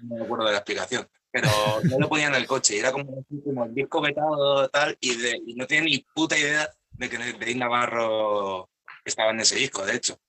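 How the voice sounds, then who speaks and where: A man's voice: medium pitch, steady tone, fairly quick, pushed and bright, poor audio. A man, chatting casually with light swearing. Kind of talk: casual chat.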